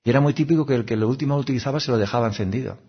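A man, giving a calm, reflective spiritual talk in an unhurried, musing way with frequent "no?" asides. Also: mid-range voice, husky, highs cut off. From Seville, Spain. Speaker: spiritual teacher.

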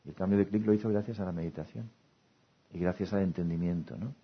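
Male meditation teacher, husky and low-pitched, gentle, dull lo-fi sound. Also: quick pace. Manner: gentle, acts out everyday voices with laughter. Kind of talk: talk then guided meditation.

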